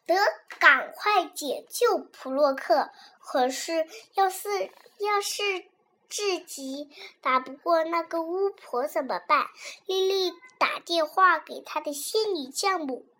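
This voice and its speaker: High-voiced, unhurried woman storyteller. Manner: animated, expressive reading. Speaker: children's storyteller. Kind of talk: children's storybook reading.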